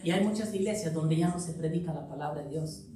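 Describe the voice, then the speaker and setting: A woman pastor preaching a sermon to her congregation in an impassioned way, with many rhetorical questions. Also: fast. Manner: impassioned preaching that climbs higher and louder, with repeated rhetorical questions. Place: church sanctuary. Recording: very echoey church hall, voice from far off.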